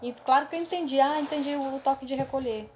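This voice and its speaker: Woman preacher, earnest testimony style, somewhat high voice, soft hiss under it. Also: fast. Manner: earnest and emotional, addresses listeners as brothers; tags many phrases with a questioning aside. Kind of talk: testimony of a dream vision.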